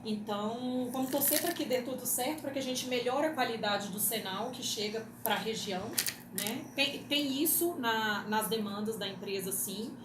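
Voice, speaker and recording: A Brazilian woman working as a radio producer explains things during an interview, frequently checking in with quick tag questions. Her voice sits on the high side and moves at a normal speed. The room is echoey, and background noise is clearly audible.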